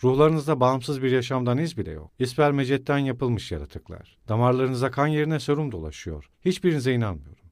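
Loud scolding young guy, hot-headed but loyal, a man reading it out in a dry close audiobook voice, middle pitch. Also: lively intonation, a little fast, few pauses, no echo, natural voice. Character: hot-tempered loyal young male friend, blustering.

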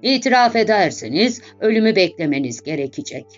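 A woman reading the lines of a calm, cold male prosecutor who questions formally. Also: medium pitch, a little fast, highs cut off, soft background music.

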